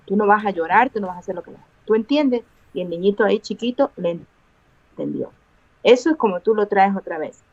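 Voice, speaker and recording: A woman's voice: medium pitch, no echo. A woman educator answering interview questions over a video call, earnest, repeating key words and acting out the things she says to children. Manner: acts out quoted dialogue with children. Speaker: guest educator and teacher. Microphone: remote video call. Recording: dull lo-fi call audio.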